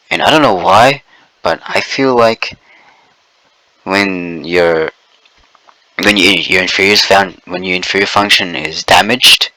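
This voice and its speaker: A man talking to camera in a rambling monologue, restarting phrases and stuttering as he rushes ahead. His voice is very bright and edgy, with a low pitch. The sound is dry and close. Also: no echo, poor audio. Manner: fast, stumbling, stuttering restarts. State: sleep-deprived. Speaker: video blogger. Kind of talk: casual spoken monologue.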